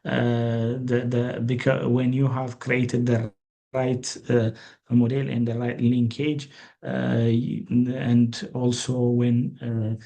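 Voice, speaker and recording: A man's voice: mid-range voice, completely flat delivery, slow pace, vocal fry, mellow. A man from Ethiopia giving an online training lecture, hesitant, with many fillers and restarts.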